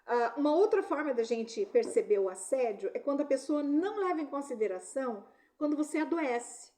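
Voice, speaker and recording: A woman's voice: high voice, lively intonation, brisk, dark tone. A middle-aged woman with a Brazilian Portuguese accent, giving an earnest talk on workplace harassment and sharing personal stories, often ending sentences with a questioning "né?".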